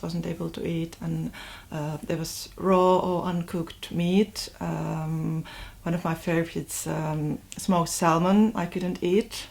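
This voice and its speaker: A woman with a Finnish accent recounts her time as a patient in an interview. Her voice sits very low and is heavily gravelly with fry. She speaks haltingly, with lots of ums and short phrases. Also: darkish tone. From Finland. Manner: hesitant, many fillers and short broken phrases. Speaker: patient sharing her experience. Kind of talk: interview testimony.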